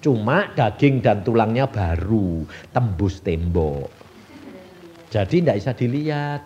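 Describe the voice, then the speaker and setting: Speaking slowly in a lowish, dark-toned voice with lively intonation, a male evangelist with a Javanese Indonesian accent delivers a folksy sermon. He asks the congregation questions and answers them himself, and the recording is lo-fi.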